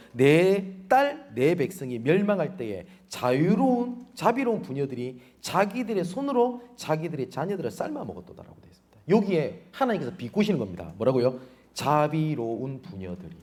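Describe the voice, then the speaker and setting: A man's voice: fairly high pitch, a little mellow. A male pastor preaching a sermon, pressing rhetorical questions on the congregation. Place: church sanctuary.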